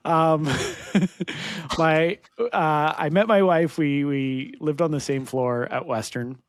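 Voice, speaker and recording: A man's voice: a little high, slow. A man co-hosting a podcast in casual conversation, telling stories in a laughing, self-deprecating way. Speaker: podcast co-host. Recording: dry close sound.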